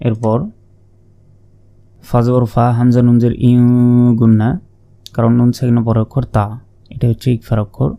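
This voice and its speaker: A man teaching Quran reading, spelling out letters and vowel marks one by one, then chanting each word in a long, drawn-out melody. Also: mid-range voice, completely flat delivery, dark tone. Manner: slow measured spelling with drawn-out melodic recitation. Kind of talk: spelling out and reciting Arabic verses.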